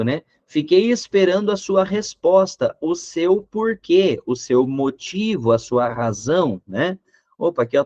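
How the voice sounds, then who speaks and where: A man's voice: fairly high pitch, a little mellow, dry recording, lo-fi sound. A man teaching an online grammar lesson, explaining in a chatty way and checking in with his students. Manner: chatty, explaining with many tag questions.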